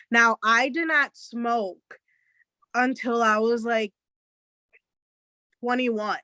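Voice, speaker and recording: Woman talking real slow and laid back, pretty high voice, dry close sound. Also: sharp tone, no room sound. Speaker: co-host. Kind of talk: casual chat.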